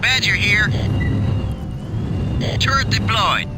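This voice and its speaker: A clipped, high-pitched robot turret voice, answering each order with a short, dutiful reply. It comes through a radio-style game filter, slow and deliberate, set back from the mic with loud game music over it. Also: male voice. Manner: short, obedient acknowledgments. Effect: radio-filtered game unit voice. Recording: game audio under loud music, distant.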